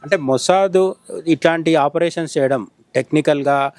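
This Indian journalist, speaking as an interviewed commentator, unpacks the news conversationally and keeps rephrasing himself. He talks at a moderate pace in a slightly mellow voice on the high side, with no echo.

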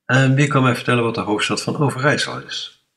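A man's voice: medium pitch, a little fast, fairly bright tone, far from the mic, voice pushed up, natural voice. A man doing a stern schoolteacher. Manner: stern, scolding.

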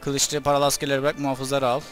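A young man giving live commentary on his own gameplay, excitable, shouting at his troops and enemies and muttering when things go badly. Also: mid-range voice, fast, soft background music.

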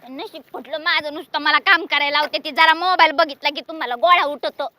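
A woman plays a sulky village wife who keeps complaining and talking back. Her voice is very high and bright, and it sounds dry and close. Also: steady tone, fairly quick, no echo. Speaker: actor. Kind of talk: village short-film acting.

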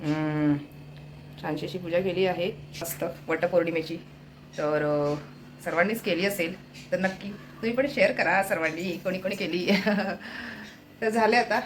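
A woman's voice: fairly low pitch, measured pace, slight background noise. A woman chatting casually to her viewers in a home vlog, talking straight to the camera and cooing to her pet now and then. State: low-voiced from fasting. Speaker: vlogger.

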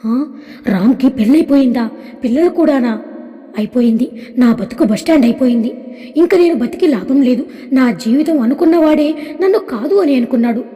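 A woman's voice: high-pitched, lively intonation, normal speed, dark tone. A woman voicing an anxious, lovesick young heroine who pleads with her partner, in a storybook reading. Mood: distraught. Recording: long hall reverb.

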